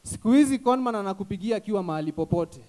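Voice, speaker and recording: A young man with a Kenyan accent performs stand-up comedy on stage into a handheld mic. His voice sits high for a man. He slides between English and Swahili street slang and acts out callers and con men in his stories. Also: expressive, very fast, mellow. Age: young adult. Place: comedy stage before a live audience.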